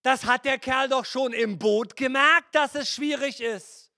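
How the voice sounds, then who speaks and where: A man delivers a sermon in an unusually high voice, taking his time with each phrase. He slips into playful mimicry of hesitant listeners. The sound is dry and close. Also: a little slow, bright, forceful tone, dry recording. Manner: preaching with acted asides and playful mimicry. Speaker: pastor.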